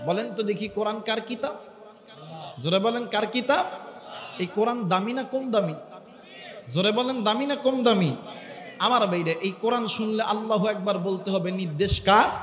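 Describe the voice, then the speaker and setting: A man delivers a fiery waz sermon. He climbs into shouted peaks, breaks into sung recitation, and presses his listeners to respond. The recording is roomy, with a long echo trailing each phrase. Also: high-pitched, normal speed, long pauses. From Bangladesh. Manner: call-and-response, urging the crowd to answer aloud. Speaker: Islamic preacher. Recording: echoey PA sound with long reverb.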